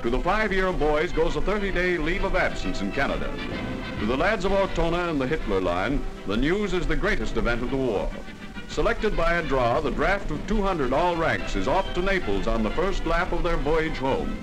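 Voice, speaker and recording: A man narrates an old wartime newsreel in a jaunty, punchy manner, tossing in wisecracks. His pitch sits a little high and swings widely. Music plays clearly behind him. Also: big pitch swings, normal speed, low-quality recording. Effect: old newsreel voice-over.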